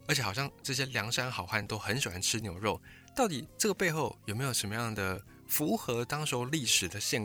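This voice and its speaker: A male host tells history in a steady, explanatory storytelling way. His tone is bright and forceful, sitting at an ordinary middle pitch. Soft music runs quietly under the voice. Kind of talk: scripted history talk.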